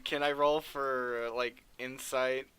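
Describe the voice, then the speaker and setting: A man's voice: mid-range voice, little pitch movement, takes it slowly, fairly bright tone, slight background noise. A man playing a tabletop game who talks in a nervous, jokey way. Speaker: player. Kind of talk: casual tabletop role-play.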